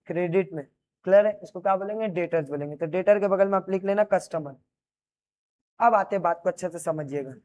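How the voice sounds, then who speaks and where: A man's voice: high voice, a little fast, a little mellow, lo-fi sound. A man teaching a class, who asks his students questions and answers them himself while he writes on a board. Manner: repeats key terms as questions and answers them; explains while writing on a board. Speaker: commerce teacher.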